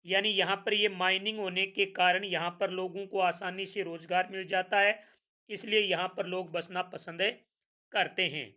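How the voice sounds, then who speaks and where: A woman's voice: fairly low pitch, fairly even intonation, normal speed, bright, forceful tone. A woman teacher with a Hindi accent going through exam revision questions, asking each answer back and repeating it.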